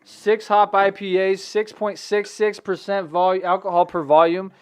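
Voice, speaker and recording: A man's voice: high-pitched, flat delivery, moderate pace, clear, resonant tone. A man co-hosting a podcast, chatting casually and profanely while watching a fight with his brother. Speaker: podcast co-host. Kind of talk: casual live-watch chat.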